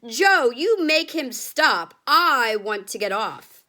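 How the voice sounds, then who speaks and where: A woman's voice: sits high, very animated, slow, bright, forceful tone, pitched above the performer's own voice, full character voice. A woman doing a shrieking panicked old grandma. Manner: shrieking, frantic. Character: panicked elderly grandmother, shrill.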